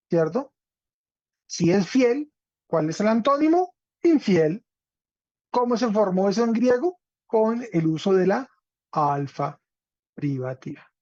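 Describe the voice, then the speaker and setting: A man's voice: high-pitched, a little mellow, no echo. A man teaching a Greek class online, explaining step by step and often checking in with his students. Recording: dull, dry lo-fi audio.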